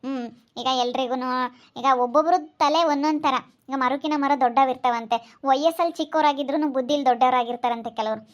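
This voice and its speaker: A woman vlogger with a rural Karnataka Kannada accent chats to her viewers, her voice high and fairly quick. She pleads for their support, asking again and again for them to subscribe.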